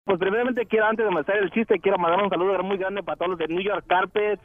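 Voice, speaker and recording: A man's voice: high-pitched, steady tone, quick pace, a little hiss or hum. A man with a Mexican accent calling in to a radio show, easygoing and stumbling over his words. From Uruapan, Michoacán, Mexico. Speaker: caller. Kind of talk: telling a joke on the phone. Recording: dull phone line.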